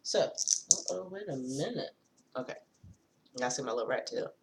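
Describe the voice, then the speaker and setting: Woman, low voice, relaxed chatty vlogger who swears offhand. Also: normal speed, creaky. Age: adult with a daughter. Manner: chatty, swears casually, addresses viewers as y'all. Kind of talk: casual chat to camera.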